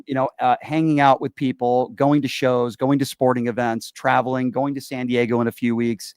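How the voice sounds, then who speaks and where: A man's voice: mid-range voice, little pitch movement, moderate pace, smooth, no room sound, clean studio sound. A man in his forties from Connecticut, hosting a casual chat show and rambling with fillers and repeated yeps. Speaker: show host.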